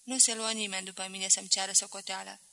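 A woman narrating a novel as an audiobook reader, in a measured, expressive way. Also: medium pitch, creaky, dry recording, rough recording. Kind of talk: scripted narration.

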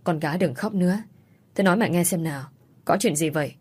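A woman's voice: on the low side, a little fast, a little mellow, husky. A woman voicing a worried, tender middle-aged mother who soothes her daughter over the phone. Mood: gentle worried. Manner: soothing, coaxing.

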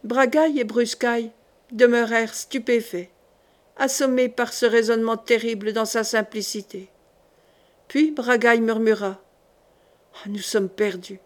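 Woman narrating a historical novel, fairly high voice. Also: fairly even intonation, normal speed. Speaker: audiobook reader.

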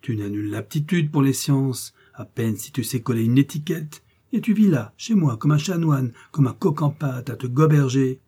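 A man's voice: mid-range voice, moderate pace, few pauses, mellow, slightly rough, lightly acted. A man reading aloud and voicing a pompous, fussy village apothecary in an indignant rant. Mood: scornful. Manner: indignant ranting tirade, exclamatory.

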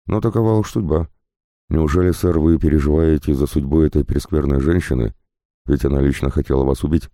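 A man's voice: very deep voice, fairly even intonation, a little fast, warm tone, no echo, clean studio sound. A man voicing a sly, mocking, seasoned mercenary starship captain in a spoken audiobook. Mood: calm.

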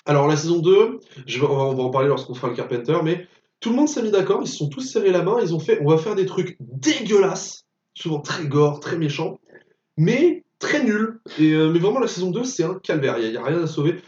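A man's voice: a little high, sing-song, quick pace, darkish tone. A man co-hosting a casual film podcast, blunt and opinionated. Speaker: podcast co-host. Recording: echoey room, distant dull mic.

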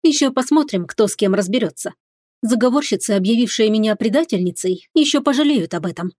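A woman reading an audiobook, voicing a proud, sharp-tongued young witch heroine who talks in a defiant, mocking way. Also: a little high, lively intonation, brisk, no echo, clean studio sound. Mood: threatening.

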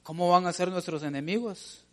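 A man preaching a sermon, asking rhetorical questions and calling out to his listeners as "brother", building to loud emphatic appeals. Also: high voice, normal speed. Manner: preaching, calls out "hermano" and builds to shouts. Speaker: pastor.

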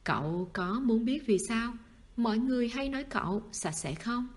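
A woman's voice: on the high side, animated, moderate pace, close to an everyday voice. A woman voicing a cold, stern young man who speaks in short, icy lines in a storybook reading. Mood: curt. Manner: curt, icy.

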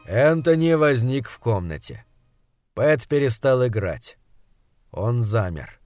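A man reading a story aloud in a measured, even storytelling manner. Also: medium pitch, no room sound, studio quality. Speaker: audiobook narrator. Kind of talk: scripted narration.

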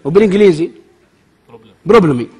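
Guy preaching fast n funny, husky high voice, acts out little scenes. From Saudi Arabia. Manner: animated, joking, acts out exchanges, swings between loud and soft. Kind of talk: humorous sermon.

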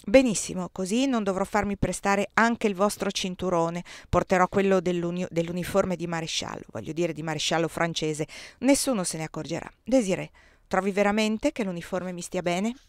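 A woman reading aloud, voicing a confident marshal who speaks briskly and assuredly. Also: on the low side, no room sound, clean studio sound, natural voice.

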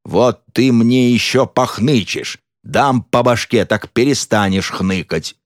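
A man doing a sardonic, gruff old count. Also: lowish voice, sing-song, unhurried, dry recording, studio quality, exaggerated voice. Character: gloomy pompous middle-aged count, turning coarse.

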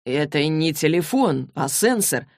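A cool, unflappable young man, as a woman reader voices him, measured and slow in a lowish voice. The sound is dry and close-miked. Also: dry recording, exaggerated voice. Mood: cool, unbothered. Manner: calm, slow, slightly lowered delivery. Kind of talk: audiobook character voice.

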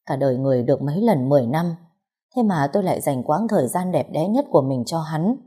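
A young woman narrating a first-person romance story in a calm, wry way. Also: sits low, quick pace, slightly rough. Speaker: audiobook narrator.

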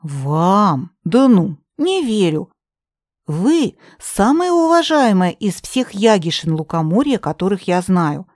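A woman reader voicing a young heroine who speaks sweetly and flatters with exaggerated indignation. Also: mid-range voice, slow, no echo, clean studio sound. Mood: coaxing.

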